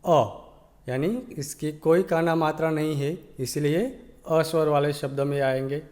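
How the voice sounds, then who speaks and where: Teacher, male, Gujarati accent, higher voice, slow deliberate pace, spells out every syllable for small kids. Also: level tone, darkish tone. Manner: sounds out letters one at a time, keeps asking "ठीक है". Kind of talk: slow, patient children's lesson.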